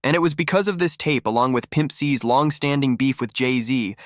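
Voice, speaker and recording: A man's voice: medium pitch, normal speed, no room sound, clean studio sound. A man delivering scripted gossip commentary as a narrator.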